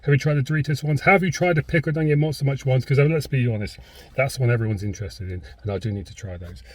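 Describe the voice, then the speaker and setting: British male food reviewer, husky mid-pitched voice, hesitant rambling casual chat, recorded in a car. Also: fast, no room sound. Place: inside a parked car.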